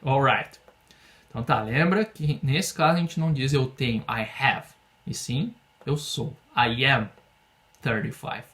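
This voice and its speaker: A man from Brazil teaching an English lesson online. He talks at a middling pitch and patiently explains each point. He slows way down whenever he models a phrase for the students. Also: fairly bright tone.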